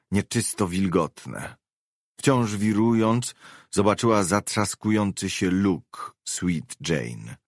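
A man narrating an audiobook with measured, expressive storytelling. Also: lowish voice, no echo, studio quality. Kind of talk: scripted narration.

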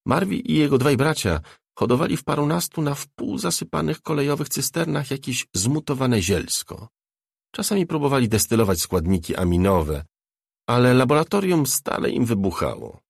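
A man narrating a novel as an audiobook, measured and even. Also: medium pitch, gravelly, slightly rough, no echo, studio quality.

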